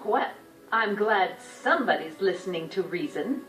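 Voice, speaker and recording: Brief: a prim older moral crusader, haughty, lively high voice, echoey distant game audio. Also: female voice, a little slow, faint music behind. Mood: disapproving.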